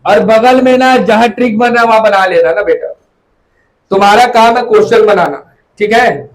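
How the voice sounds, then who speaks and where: A man's voice: high-pitched, normal speed, poor audio. A man teaching a classroom lecture, repeating memory tricks and calling students "beta".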